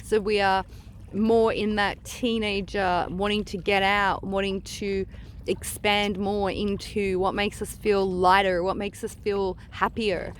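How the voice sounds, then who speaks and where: A woman speaks casually and earnestly to camera in a rambling, digressive monologue, outdoors by the water with rushing water around her. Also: mid-range voice, flat delivery. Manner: earnest, digressive, trailing off mid-thought. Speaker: spiritual vlogger giving psychic energy guidance. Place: outdoors on a beach at the water's edge. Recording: outdoor recording with clear water noise.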